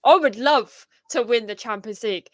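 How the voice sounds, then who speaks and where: Female fan panellist, fairly high voice, close dry sound, challenging casual debate. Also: normal speed, no echo. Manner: sceptical, challenging.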